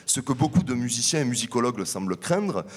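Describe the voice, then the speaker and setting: Male researcher, measured explanatory delivery, conference talk, long hall echo. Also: mid-range voice, very animated, breathy edge. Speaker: researcher presenting findings.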